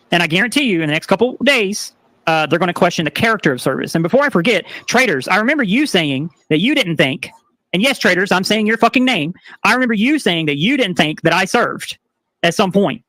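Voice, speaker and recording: A woman's voice: on the low side, big pitch swings, fast, a bit bright, dry recording. A woman on a live online panel, arguing her point with sarcasm. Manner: argumentative, sarcastic.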